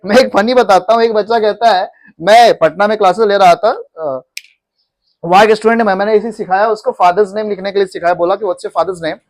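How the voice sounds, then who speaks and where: High-voiced Indian male teacher. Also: fairly even intonation, a little fast. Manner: asks questions and has the class repeat; mixes Hindi with English phrases. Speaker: English teacher. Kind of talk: classroom lesson.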